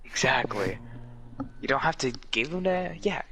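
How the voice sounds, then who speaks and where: A man's voice: mid-range voice, animated, moderate pace, sharp tone, slight background noise. A young man chatting casually while playing a video game, joking in a blunt, offhand way. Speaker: gamer. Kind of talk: casual chat while gaming.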